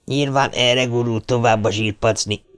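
A man's voice: medium pitch, fairly even intonation, clear, resonant tone, pitched above the performer's own voice, close to an everyday voice. A man doing a snarling teen bully. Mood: threatening. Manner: shouting, menacing. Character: brutal bully teen boy, snarling threats.

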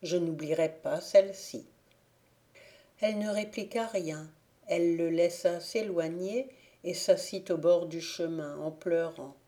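A woman reading a fairy tale aloud for an audiobook, telling it slowly and evenly. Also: on the low side. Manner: slow, even storytelling. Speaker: audiobook reader.

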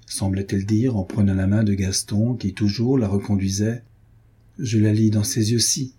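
A man narrating a nineteenth-century novel in a measured, steady storytelling manner. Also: lowish voice, breathy edge. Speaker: audiobook narrator. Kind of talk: literary audiobook narration.

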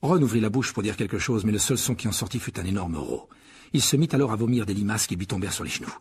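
A man's voice: fairly low pitch, animated, fast, darkish tone, slight background noise. A man narrating a storybook expressively as an audiobook reader. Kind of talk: scripted narration.

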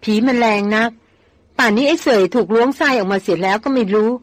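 A reader voices a loyal male tracker lost in jungle dread, pitched a little higher than the narration. He sounds shaky and pleading, close to tears. The recording is dry and close, with no room sound. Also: fairly quick, no room sound, close to an everyday voice. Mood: fearful.

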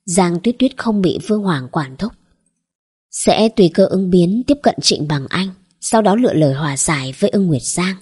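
Very husky, low woman narrating. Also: lively intonation, moderate pace, dark tone. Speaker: audiobook narrator. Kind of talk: scripted story narration.

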